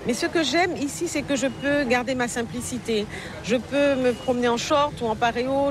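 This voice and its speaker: A pensive woman from Paris, France, speaks in a high voice as a novelist guest in a casual interview, reflective and hesitant, with frequent fillers and restarts. She is at an outdoor market among a lively crowd. The recording carries busy outdoor crowd noise, with chatter and passing vehicles.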